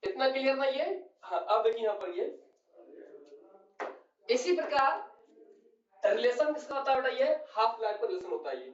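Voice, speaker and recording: A man with a very high, sing-song voice teaches a chemistry lecture at the board at a moderate pace, leaving long pauses. He repeatedly checks understanding, calling students "beta" and asking "clear?". He sits far from the mic in an echoey room, and the sound is dull.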